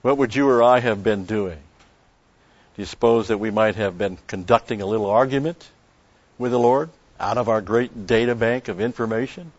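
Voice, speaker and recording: Low-voiced man preaching a measured sermon. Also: no echo, dull audio. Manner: measured preaching with emphatic stresses. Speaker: pastor.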